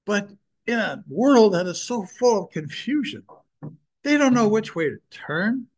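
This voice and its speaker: A man's voice: high-pitched, sing-song, a little slow. An older man speaking earnestly and with emphasis, preaching and sharing a personal testimony with his listeners.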